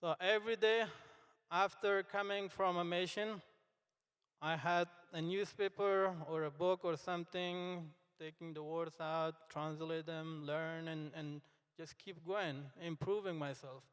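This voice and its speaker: Speaking to a graduating class, this young commencement speaker from Afghanistan, a native Dari speaker, has a high, smooth, clear voice with a steady, fairly bright tone. He talks unhurriedly in an earnest, halting way, and a long reverb rings through the big hall.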